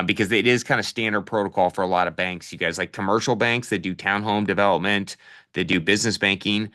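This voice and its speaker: A man's voice: sits low, bright, forceful tone. A middle-aged man coaching a live online session on real estate, casual and direct, calling listeners "you guys" with plenty of fillers. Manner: direct practical advice with fillers.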